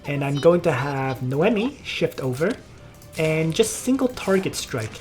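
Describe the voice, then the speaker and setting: Low voiced woman walking through a game strategy, chill but lively, quiet game music behind. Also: a little slow. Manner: relaxed, explains strategy step by step. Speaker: game video player. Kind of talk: casual gameplay commentary.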